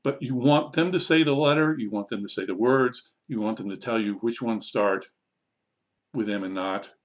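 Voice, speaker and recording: A man, an online English teacher, casually explaining how to run a practice lesson in a relaxed, conversational way. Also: lowish voice, moderate pace. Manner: relaxed, conversational, self-correcting.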